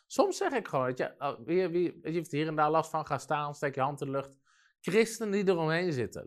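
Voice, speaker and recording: A man preaching a sermon in a studio, telling stories and acting out the voices of the people in them. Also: on the high side. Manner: lively storytelling, acts out quoted voices.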